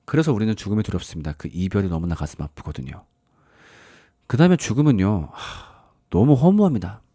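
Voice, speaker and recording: A man's voice: on the low side, very animated, a little fast, mellow, breathy edge, no echo, studio quality. A man preaching a sermon in a conversational storytelling way, acting out the voices in the stories he tells. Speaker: pastor.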